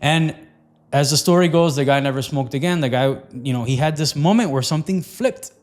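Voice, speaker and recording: A man's voice: a little high, brisk. A man coaching on fat loss in an earnest, loose motivational talk, with repetitive phrasing and plenty of fillers.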